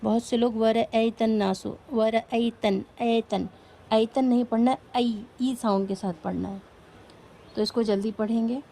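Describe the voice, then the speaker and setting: A woman's voice: a little high, fairly even intonation, dark tone, slight background noise. A woman teaching a recitation class, explaining each rule patiently step by step and asking her students questions.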